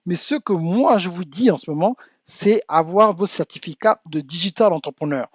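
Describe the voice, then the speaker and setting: A man's voice: sits high, normal speed, no room sound. Man from Africa, business coach, insistent, emphatic, dry close sound, muffled. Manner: insistent, rising to emphatic exhortation. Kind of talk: coaching talk to an audience. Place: home in the United States.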